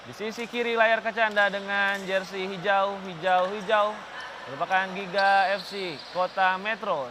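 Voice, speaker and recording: Male TV sports commentator, high voice, live match presentation, clear arena noise behind.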